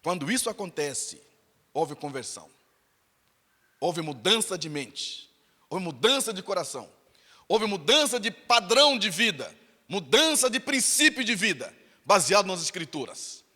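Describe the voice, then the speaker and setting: Brazilian male pastor, high bright voice, emphatic sermon delivery, echoing church hall. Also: very animated, measured pace. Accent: Brazilian Portuguese. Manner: emphatic, repetitive preaching delivery. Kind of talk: sermon with storytelling. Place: church sanctuary.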